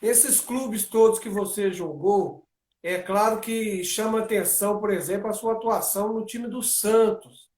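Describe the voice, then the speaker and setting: Man, high voice, live-stream host, friendly, echoey room. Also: measured pace, darkish tone. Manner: friendly, reads out lists. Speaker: interview host.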